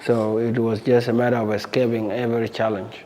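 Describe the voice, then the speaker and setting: A young man from Sudan, recounting his life story in a measured, plain way and often pausing to repeat words. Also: medium pitch, flat delivery, darkish tone, a little hiss or hum. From South Sudan. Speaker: interviewee. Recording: long hall reverb.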